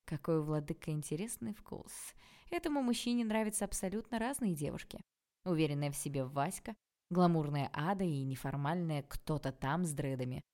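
A woman narrating a first-person novel in a lively, theatrical, ironic way. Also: sits low, fairly quick. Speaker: audiobook narrator.

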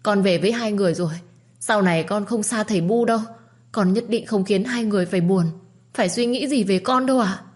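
Tearful, humble young daughter in a storybook, played by a woman, lifted and bright over her own lowish voice. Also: fairly quick, close to an everyday voice.

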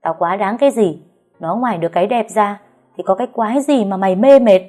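A woman doing a sharp-tongued old mother-in-law. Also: mid-range voice, expressive, moderate pace, soft background music, close to an everyday voice. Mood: scornful. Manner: sharp, contemptuous scolding. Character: harsh scolding older mother-in-law.

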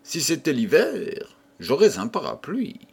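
A man's voice: a little high, huge pitch swings, a little slow, vocal fry, breathy edge, voice pushed up, exaggerated voice. Man doing a young working girl, coy, teasing, raised voice, storybook reading. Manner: playful, gently mocking.

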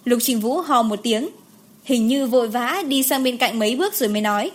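Woman narrating a story, slightly high voice. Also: lively intonation, brisk. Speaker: audiobook narrator. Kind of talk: scripted narration.

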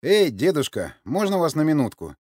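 A man's voice: medium pitch, animated, fairly quick, darkish tone, dry recording, studio quality, pitched above the performer's own voice, lightly acted. A man reading an audiobook, voicing a wry, polite man who coaxes others along. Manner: wry, coaxing. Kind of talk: audiobook character voice.

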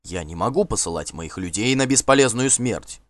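A man reading an audiobook voices a stern king who presses his questions urgently and forcefully. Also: lowish voice, expressive, normal speed, no echo, lightly acted.

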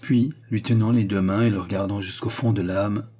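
A male audiobook narrator with a low, dark voice. He reads a classic novel in a measured, dramatic manner. A husky grain runs through his tone. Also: fairly even intonation. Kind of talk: scripted literary narration.

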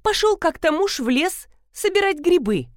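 A woman voicing an excitable female blogger who boasts about her husband in a loud, gushing way. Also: very high-pitched, moderate pace, dry recording, clean studio sound, voice pushed up. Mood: boastful. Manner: loud, gushing, fanciful storyteller.

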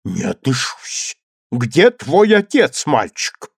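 A man's voice: medium pitch, huge pitch swings, takes it slowly, creaky, slightly rough, dry recording, studio quality, exaggerated voice. A man voicing a blustering, domineering old duke who puffs and bellows. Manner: wheezing, bellowing, puffing.

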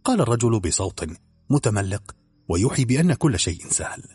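A male narrator reads a story with animated, rising-and-falling delivery. His low voice has a husky edge and sounds close and dry, with faint music underneath. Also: brisk, no room sound. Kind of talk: audiobook narration.

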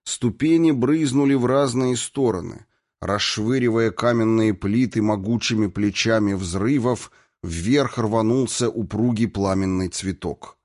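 Man narrating, low-pitched, measured. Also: a little mellow. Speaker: audiobook narrator. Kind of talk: scripted fantasy narration.

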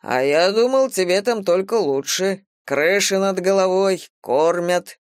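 A woman reading a stern, unhurried police captain. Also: fairly low pitch, a little mellow, clean tone, dry recording, natural voice. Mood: deliberate. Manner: dry, slow, deliberate. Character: stern middle-aged male police captain. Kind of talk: audiobook character voice.

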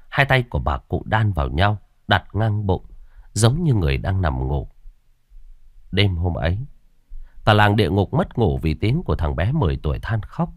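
A man narrating a scripted horror story with expressive storytelling. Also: sits low, dry recording, clean studio sound.

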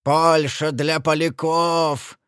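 A man's voice: fairly high pitch, wildly swooping pitch, takes it slowly, no echo, studio quality, exaggerated voice. A man voicing a mock-polite, threatening vigilante leader in a storybook reading. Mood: menacing. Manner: loud, sneering, threatening.

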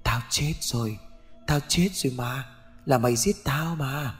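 A man voicing the vengeful ghost of a murdered young woman in a ghost story, speaking in a hushed, accusing, wailing way. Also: medium pitch, measured pace, soft background music, pitched above the performer's own voice, natural voice. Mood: hollow.

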